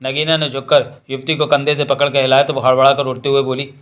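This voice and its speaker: Guy reading a novel out loud, pretty monotone, same voice for everyone. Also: mid-range voice, fast. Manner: reads all characters in a nearly even voice. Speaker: audiobook narrator. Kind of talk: scripted novel narration.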